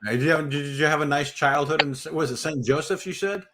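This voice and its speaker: A fairly high-pitched man talks briskly over crowd noise on a casual live panel. He probes with questions and cuts in with "hold on" to ask again.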